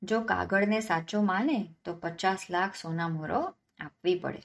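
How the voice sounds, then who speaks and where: A woman's voice: on the low side, steady tone, a little slow, vocal fry. Woman telling a folk tale. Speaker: storyteller.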